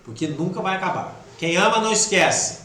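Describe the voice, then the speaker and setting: A man giving a devotional spiritist talk with a Brazilian Portuguese accent, emotional, swinging between loud urging and soft, hushed passages. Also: high-pitched, lively intonation, brisk. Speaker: spiritist lecturer. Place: spiritist center hall. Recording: echoey hall with faint background noise.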